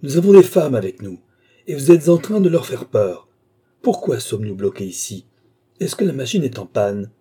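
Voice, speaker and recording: A man reading an audiobook, voicing an angry young aviator officer who shouts demands. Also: fairly low pitch, sing-song, moderate pace, slightly rough, heavily acted.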